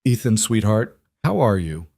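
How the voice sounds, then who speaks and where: A male narrator voices a wise older mother who coaxes gently and persistently. Her voice sits a touch above his low register. The recording is close and dry. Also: sing-song, moderate pace, gravelly, no room sound, full character voice. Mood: curious.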